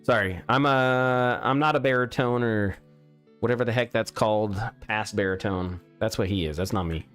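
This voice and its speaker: A young man chats casually into a studio mic with a pop filter while building a game on a live stream, exclaiming at his mistakes and restarting sentences. His voice sits on the low side at a normal speed, a bit bright, with a clear, resonant tone. Faint music plays behind him.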